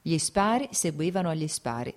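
A woman reading a classic novel aloud as an audiobook, steady and measured. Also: low-pitched. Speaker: audiobook narrator.

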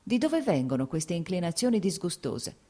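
An exasperated aristocratic mother from a classic novel audiobook, quick to scold and anxious underneath, voiced by a woman narrator. The voice is low and dark at its base, lifted only slightly for the part. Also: very animated. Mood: angry scolding.

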